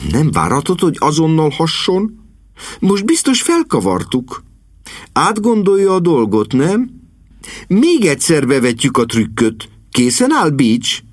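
Field: audiobook. Figure: a man voicing an excitable young woman. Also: on the high side, slightly rough, no room sound, studio quality, voice pushed up, full character voice. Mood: bossy excited. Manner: eager, bossy.

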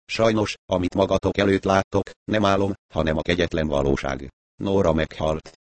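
A man's voice: low voice, fairly even intonation, natural voice. A man putting on a grave, self-pitying gang boss. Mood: grieving. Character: remorseful middle-aged male gang boss.

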